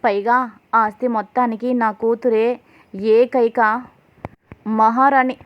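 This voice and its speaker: A woman's voice: a little high, little pitch movement, measured pace, no room sound, natural voice. A woman voicing a domineering wealthy mother-in-law who scolds with contempt, in slightly dull audio. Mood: scornful.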